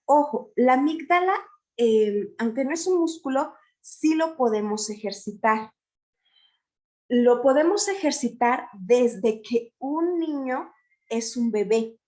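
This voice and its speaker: Woman lecturing, higher voice. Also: animated, slow, darkish tone. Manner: explanatory, checks in with "¿ok?" and "¿sí?". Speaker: teacher-training lecturer. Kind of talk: lecture to teachers.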